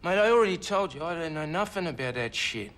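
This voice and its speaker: A man's voice: a little high, expressive, fast, a bit bright. An actor playing an agitated male Australian pensioner on methadone, a witness in court who rambles indignantly and keeps saying "mate". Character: agitated scruffy male pensioner addict witness, cocky and evasive. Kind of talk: film drama acting.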